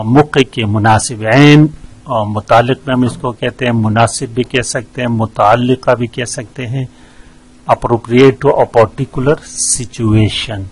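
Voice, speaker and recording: Slow, husky-voiced man teaching. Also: mid-range voice, rough recording. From Pakistan. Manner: slow, methodical, many hesitations. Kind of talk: explaining vocabulary quiz answers.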